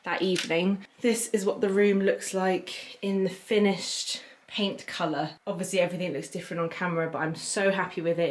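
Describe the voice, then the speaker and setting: A woman with a lower-pitched voice chats her way through a relaxed home tour, dropping in little fillers as she goes. She sounds like she is filming on a handheld camera in a small nursery room at home. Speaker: vlogger. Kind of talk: casual home tour narration.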